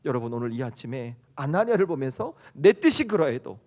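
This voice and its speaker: A man's voice: mid-range voice, sing-song, fairly quick, darkish tone. Middle-aged guy preaching in a church, keeps asking the crowd questions then punching lines hard, big reverby hall sound. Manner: rhetorical questions, rising to emphatic bursts. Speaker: pastor. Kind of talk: sermon. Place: church sanctuary.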